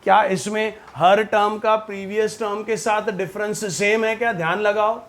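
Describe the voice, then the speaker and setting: A man's voice: sits high, flat delivery, normal speed, fairly bright tone. A man teaching a maths class, teasing and joking with his students. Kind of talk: classroom lecture.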